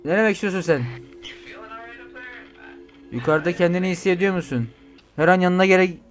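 A man giving crude, excitable commentary while playing a game, reading out the other characters' lines and yelling when startled. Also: sits high, a little fast, soft background music. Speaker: gaming streamer. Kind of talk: swearing playthrough commentary.

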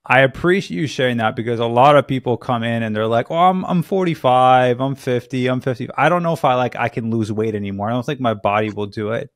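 A man's voice: mid-range voice, fast, hardly any pauses, no echo. A young man hosting a podcast, speaking in an upbeat, encouraging way into a studio microphone. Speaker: podcast host. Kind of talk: casual interview chat. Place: studio with neon sign. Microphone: studio microphone on boom arm.

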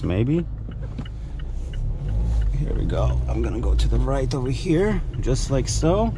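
A vlogger with a fairly low voice drives through city streets, chatting casually and crankily swearing at other drivers. A camera mounted in the car picks up his commentary along with car and street noise.

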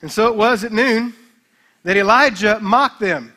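High, bright-voiced man preaching a humorous sermon. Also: a little slow. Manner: humorous, animated storytelling preacher. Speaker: pastor. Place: church service.

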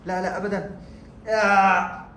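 Man, high voice, excitable, feigned fear, horror vlog, echoey room. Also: moderate pace, soft background music. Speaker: vlogger. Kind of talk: horror prank vlog narration. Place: room at home.

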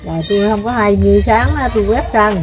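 A woman's voice: mid-range voice, fairly even intonation, fairly quick. An older woman with a Mekong Delta accent, telling her story in an interview in a rambling way, full of fillers and repeats. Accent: Southern Vietnamese, Mekong Delta. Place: rural home by a river.

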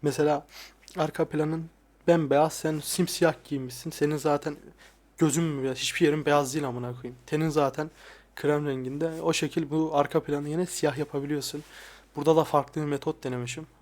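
A young man talking casually and softly, often swearing, as he looks back at his old videos. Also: steady tone, a little fast. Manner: crude, frequent swearing; soft-spoken, dropping voice low at times. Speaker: ASMR YouTuber. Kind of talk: casual soft-spoken vlog. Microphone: lapel mic.

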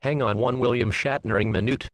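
A man narrating a crude comic story in a deadpan, rambling way, swearing casually. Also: mid-range voice, a little fast, no echo. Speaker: comedy narrator. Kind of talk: crude comedic fan storytelling.

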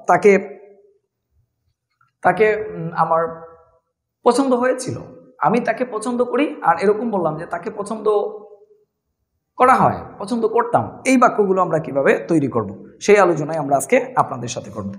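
A man's voice: high voice, echoey room, poor audio. A man teaching a spoken English lesson in Bengali, explaining step by step and spelling words out letter by letter.

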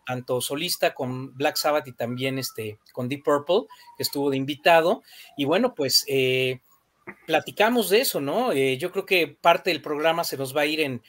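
A man's voice: a little high, normal speed, fairly bright tone. A man, hosting a casual talk and reflecting thoughtfully, with fillers like "este" and "pues". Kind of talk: casual conversation.

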